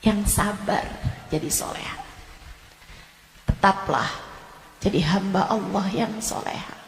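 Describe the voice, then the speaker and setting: A woman preacher giving a sermon, repeating her exhortations and building up to shouting. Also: medium pitch, takes it slowly, gravelly, slight background noise. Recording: echoey hall reverb.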